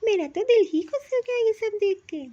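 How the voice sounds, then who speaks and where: A woman voicing a gentle old village mother-in-law. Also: very high-pitched, expressive, normal speed, noisy background. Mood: affectionate. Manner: homely, affectionate, rustic talk. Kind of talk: cartoon voice acting. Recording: dull, dry lo-fi recording.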